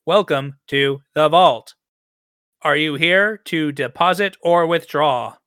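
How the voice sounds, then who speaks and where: A man voicing a mechanical vault guardian in a flat robotic voice, like a bank clerk, while running a tabletop game. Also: on the high side, slow pace, smooth, dry recording, clean studio sound.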